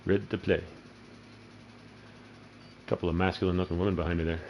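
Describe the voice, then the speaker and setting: A man's voice: low-pitched, level tone, a little fast, lo-fi sound, a little hiss or hum. A man giving casual, profane gameplay commentary and rambling into crude stories. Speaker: gaming channel host.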